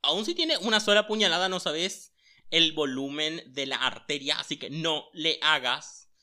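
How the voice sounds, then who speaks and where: A sassy man chats casually and recaps a series. His voice is very bright and forceful and sits somewhat high for a man. He tells it in an animated way and throws in exaggerated put-on quotes. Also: moderate pace.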